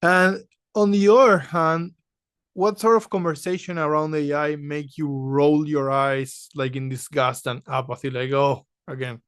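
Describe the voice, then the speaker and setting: A man's voice: a little high, steady tone, a little slow, fairly bright tone, clean tone, no echo. Man hosting an interview, dry sound. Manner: short encouraging responses and direct questions. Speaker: podcast host. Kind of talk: interview questions.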